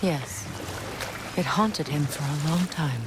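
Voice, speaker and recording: A woman playing a proud, weary goddess queen who speaks in a measured way with dry sarcasm. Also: low-pitched, noisy background. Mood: wistful. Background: game music.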